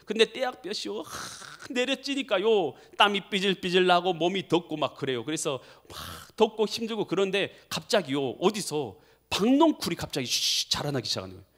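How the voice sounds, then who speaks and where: Casting: male pastor, high and very lively voice, dramatic storytelling sermon. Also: normal speed, hardly any pauses. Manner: animated storytelling, acting out dialogue with big pitch swings.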